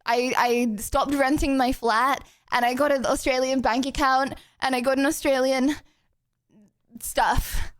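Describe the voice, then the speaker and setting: A woman's voice: sits high, steady tone, a little slow, no echo. A woman, chatting casually on a stream, giggly and rambling. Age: 20s. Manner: giggly, rambling, lots of "like" and "bro". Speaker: streamer, host of the collab.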